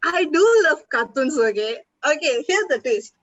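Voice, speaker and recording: A young woman hosting a casual student livestream chat, animated and emphatic. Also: high voice, normal speed, no echo, highs cut off. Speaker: student council host.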